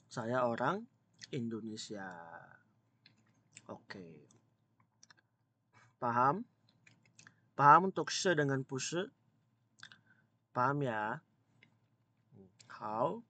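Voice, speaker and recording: A man's voice: medium pitch, expressive, sharp tone. A man teaching a Mandarin grammar class online, stretching out example sentences and chatting with his students, with an itchy throat. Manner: slow, drawn-out modelling of example sentences.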